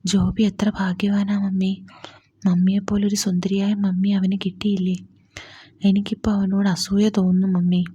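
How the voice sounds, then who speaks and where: Woman whispering a grieving young man, soft and pleading, mellow and breathy, whispered role-play. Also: mid-range voice, flat delivery, moderate pace, lo-fi sound.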